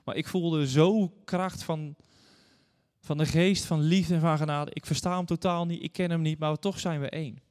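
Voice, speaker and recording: Speaking at a normal speed with a steady, slightly high and darkish voice, this man in his thirties or forties is a guest preacher. He reads scripture and tells stories earnestly, addressing the congregation directly. The church hall lends the recording a long reverb.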